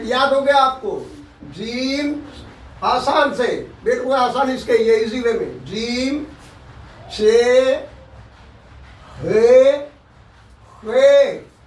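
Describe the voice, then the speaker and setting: Slow, high-voiced man teaching letters. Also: fairly bright tone. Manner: drawn-out letter sounds, repeats each letter. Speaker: Urdu teacher. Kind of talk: slow alphabet lesson. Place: tuition classroom. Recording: echoey room, mic at a distance.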